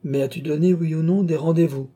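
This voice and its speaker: A man reading aloud plays a worldly old duke who teases and quietly threatens. The voice is very dark and mellow with a husky grain, in an audiobook telling. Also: a little high, fairly even intonation, a little fast, pitched above the performer's own voice, lightly acted. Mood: sly, teasing. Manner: mocking, knowing, lightly threatening. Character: old duke and marshal, sly, teasing, worldly.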